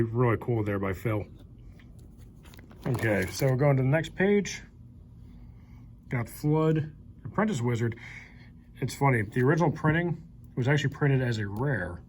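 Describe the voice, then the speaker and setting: A man's voice: mid-range voice, darkish tone, slight background noise. A young man casually commenting as he pages through an old card collection, naming cards one by one in an upbeat, chatty way. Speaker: card collector channel host. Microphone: handheld camera mic.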